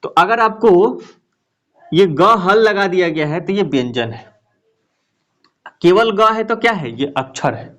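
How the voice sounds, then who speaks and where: High-voiced man teaching Hindi grammar. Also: expressive, unhurried, pauses often, a bit bright, muffled recording. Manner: repetitive, asks questions and answers them himself. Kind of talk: classroom lesson explaining grammar.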